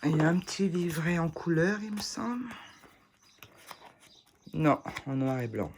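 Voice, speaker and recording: Slow-talking, hesitant French woman. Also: deep voice, lively intonation, background noise. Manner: rambling, full of hesitations and restarts. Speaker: vlogger showing tarot decks. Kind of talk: casual chat.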